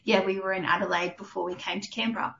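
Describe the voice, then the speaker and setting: A woman's voice: medium pitch, steady tone, quick pace, creaky, a bit bright, roomy sound, lo-fi sound. A woman in her thirties with an Australian accent, answering a podcast interview in a friendly, chatty way. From New South Wales, Australia. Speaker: podcast guest.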